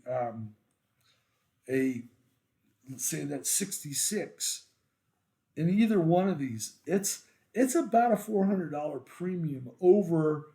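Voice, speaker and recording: A man hosting a coin collecting video who talks haltingly with many fillers, his voice nasal after an illness. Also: on the high side, creaky, dark tone. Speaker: coin channel host. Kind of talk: casual spoken coin video.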